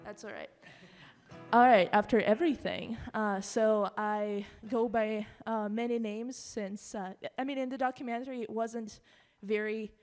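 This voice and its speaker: Halting young woman. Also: fairly high pitch, fairly even intonation, darkish tone. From Russia. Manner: halting, with many fillers. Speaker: singer-songwriter performing. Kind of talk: live stage remarks between songs. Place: live event in a hall. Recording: long hall reverb with guitar behind.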